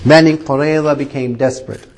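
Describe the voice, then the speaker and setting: Animated man retelling a sermon story. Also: a little high, brisk. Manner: animated retelling, reverent honorifics. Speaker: preacher.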